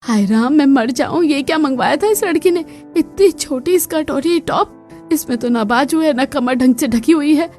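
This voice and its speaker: A woman voicing an arrogant, rich middle-aged mother in a cartoon story, sharp and scornful. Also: high voice, moderate pace, soft background music, close to an everyday voice. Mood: scolding.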